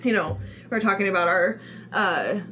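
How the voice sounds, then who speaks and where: Excitable woman podcast co-host. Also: medium pitch, normal speed, soft background music. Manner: excitable, reactive, jumps in with exclamations. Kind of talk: casual chat.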